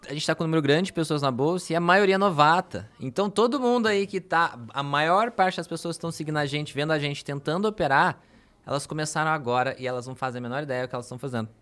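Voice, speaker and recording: Brazilian guy hosting a podcast, talks super fast, emphatic, keeps saying exactly. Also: fairly high pitch, a bit bright. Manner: quick, emphatic, agreeing often. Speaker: podcast host. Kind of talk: casual podcast conversation.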